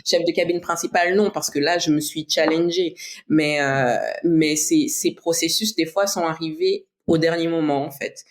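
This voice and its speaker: A woman from French Guiana, a bodybuilding athlete, talks as a guest on a casual podcast interview. Her low-pitched voice keeps a fairly even intonation at a normal speed, and she is reflective, restarts and uses fillers frequently, and laughs easily.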